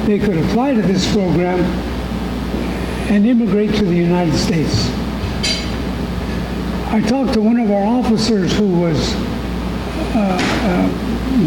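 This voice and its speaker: An older man giving a conversational, anecdotal talk in front of an audience, a little halting and folksy, with some trouble in his voice. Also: high voice. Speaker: guest speaker on immigration. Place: large echoey room, on a microphone. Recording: echoey hall, loud hum and noise.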